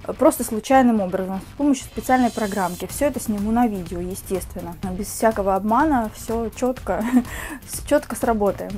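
A young beauty vlogger with a slight cold chats casually to the camera from a small room, her mid-range voice picked up by a lapel mic. She fills her talk with lots of fillers and soft diminutives.

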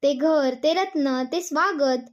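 A woman's voice: sits high, slow pace. A woman voicing a devout young husband who questions his wife insistently. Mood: questioning.

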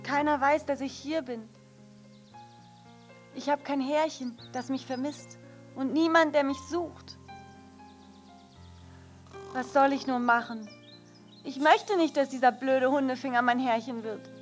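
A woman's voice: high-pitched, unhurried, long pauses, soft background music. A woman puppeteer voicing a cheeky young male dog in a children's puppet show, who teases, mimics and barks. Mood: sad.

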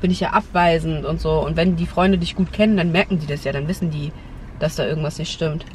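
A woman's voice: low-pitched, fairly even intonation, fast talker, a little mellow. A young woman giving casual advice as a vlog host, chatting inside a car. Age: young adult. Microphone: camera on the dashboard. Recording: noisy car interior, outdoor ambience.

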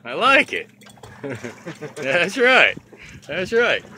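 A man with a slightly high voice coaches someone through a fight with a fish, cracking jokes and laughing often. He talks outdoors on an open boat, with wind and engine noise clearly present behind him. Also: sing-song, pushed and bright. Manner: joking, laughs often, gives quick instructions. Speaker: fishing charter captain. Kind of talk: casual coaching while fishing.

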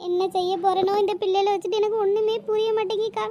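A woman doing a squeaky tearful young mother. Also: little pitch movement, quick pace, heavy background noise. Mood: tearful lament. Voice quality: very high, squeaky cartoon voice. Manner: pleading, lamenting. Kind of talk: cartoon voice acting.

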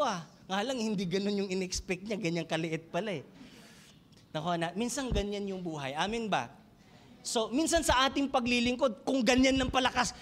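A man's voice: sits high, fairly bright tone, slight background noise. A man with a Filipino accent preaching a sermon in church, switching between Tagalog and English and asking the congregation questions. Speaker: pastor.

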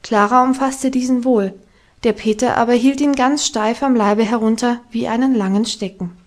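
A woman narrating a classic children's novel as an audiobook, with calm, even storytelling. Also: fairly high pitch, moderate pace. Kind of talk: scripted narration.

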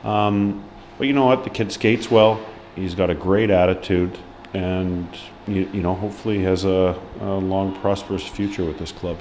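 Speaking to the press after the game, a forties-aged hockey head coach sits in an indoor press room with a sponsor board behind him. His voice is very low; his answers arrive in fits and starts, peppered with ums, restarts and honest observations, over a steady hum of room noise.

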